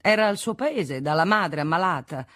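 A woman's voice: on the low side, animated, normal speed, fairly bright tone, no room sound, studio quality. A woman voicing a timid young man who stammers and gets flustered, in a literary audiobook. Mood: anxious.

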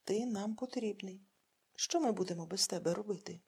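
A woman reading a husky, gently coaxing young daughter. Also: mid-range voice, normal speed.

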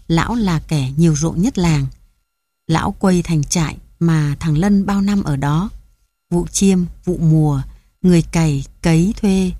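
Calm woman narrating a story. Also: fairly low pitch, no room sound.

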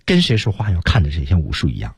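A deep, husky man teaching English on radio, his voice swinging widely as he explains and acts out lines. It sounds dry and close in a studio. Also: wildly swooping pitch, fast, no echo.

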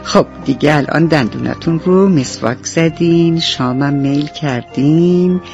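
A woman's voice: low-pitched, a little mellow, soft background music. A woman storyteller narrating a bedtime story for children on radio, tender and addressing them as her dear ones. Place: radio studio. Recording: dull dry radio studio recording.

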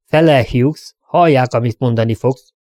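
A man's voice: mid-range voice, a little mellow, no room sound, natural voice. A man voicing a stern, commanding frontier sheriff who questions and challenges a crowd, in a dry recording.

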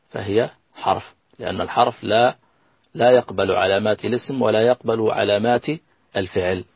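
A man teaching a lesson on Arabic grammar, slow and patient, repeating key phrases and working through examples. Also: fairly low pitch, breathy edge, no room sound, highs cut off. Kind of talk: recorded classroom lesson.

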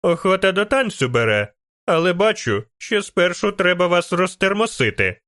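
A man voicing a bold, fiery young elf woman who calls out commanding, teasing shouts. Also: sits high, sing-song, moderate pace, dry recording, studio quality, pitched above the performer's own voice, heavily acted. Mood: rousing.

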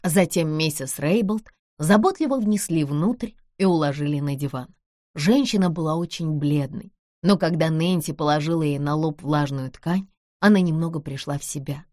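A woman narrating an audiobook in an expressive storytelling manner. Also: sits low, moderate pace, dry recording. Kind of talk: scripted narration. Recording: dry close studio sound.

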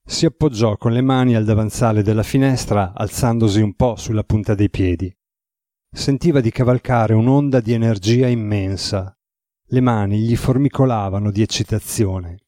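A man reading a novel aloud as an audiobook narrator, in an even, measured way. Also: fairly low pitch, dry recording, studio quality.

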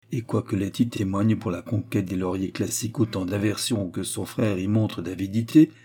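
A man narrating an audiobook in a measured storytelling manner. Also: fairly low pitch, dark tone, husky. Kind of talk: scripted narration.

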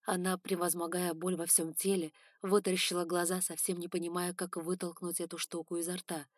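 A woman narrating a fantasy audiobook with steady, even storytelling. Her voice sits a little low and sounds dry and close, with no room echo. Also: brisk. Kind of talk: scripted narration.

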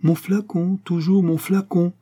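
A teasing young woman full of mischief, read by a man. She banters in a lifted, playful pitch over a soft, slightly husky grain. It is a storybook reading. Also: little pitch movement, measured pace.

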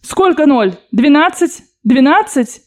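Woman doing a bossy, shrill old grandmother gambler in an audiobook; urgent, commanding, high and soft-toned. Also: lively intonation, slow pace. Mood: indignant.

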